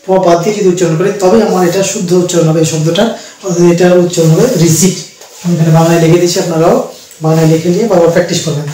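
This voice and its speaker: A man teaching an English pronunciation lesson, explaining slowly and repeating each word. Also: fairly high pitch, fairly even intonation, dark tone, heavy reverb, distant mic, slight background noise, rough recording. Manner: slow, repetitive explaining with fillers.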